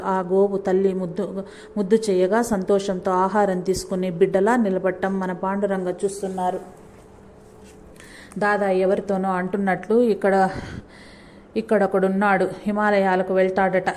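A woman reading a saint's life story aloud, in a steady, measured way, pausing to correct her own slips. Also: mid-range voice, a little hiss or hum. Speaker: narrator reading a saint's biography. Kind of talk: devotional book reading.

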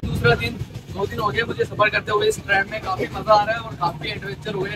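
A man's voice: sits high, level tone, brisk. A young man casually narrating a train journey vlog to his viewers, chatty and upbeat, filming himself on a phone at arm's length. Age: young adult. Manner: chatty, addresses viewers as guys. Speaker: travel vlogger. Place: crowded train coach and station platforms. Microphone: handheld phone at arm's length. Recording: noisy train and station.

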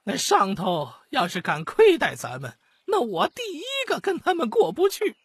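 In an audiobook, a man voices a wily, chummy court eunuch, grand and folksy, in a breezy, boastful mood. He performs heavily acted, pitched high above his own voice with huge swings, slightly rough, at normal speed. The studio recording is clean, with no room sound.

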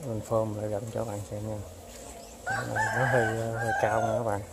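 A man vlogging as he catches bees outdoors, pausing often with fillers and talking to his viewers. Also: on the low side, level tone, very noisy. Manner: halting, many fillers, addresses viewers. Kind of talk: casual outdoor narration. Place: outdoors by a street.

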